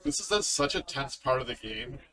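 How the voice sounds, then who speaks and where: A man's voice: mid-range voice, lively intonation, fairly quick, bright, forceful tone. A man giving live card game commentary in a casual, chatty way, reacting to the plays. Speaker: tournament commentator.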